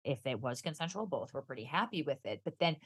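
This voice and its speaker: Low-voiced woman telling true crime. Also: expressive, quick pace, slightly rough, no echo, studio quality. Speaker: co-host of a true-crime podcast. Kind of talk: conversational true-crime storytelling, part read from notes.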